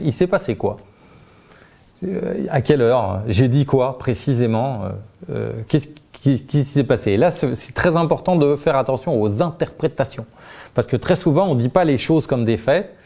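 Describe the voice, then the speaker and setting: A man's voice: mid-range voice, warm tone. A man teaching a communication method in an informal, spontaneous way, with frequent fillers and restarts, lifting his voice as he announces each step. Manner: informal, uses tu, many fillers and restarts, laughs lightly. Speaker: communication trainer. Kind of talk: spontaneous explanatory talk.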